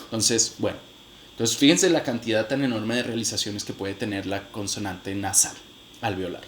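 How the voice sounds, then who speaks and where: A phonetics teacher gives a recorded lecture, demonstrating sounds aloud and talking straight to his viewers, with frequent hesitant restarts. His voice is lowish with fairly even intonation at a moderate pace, and there's background noise.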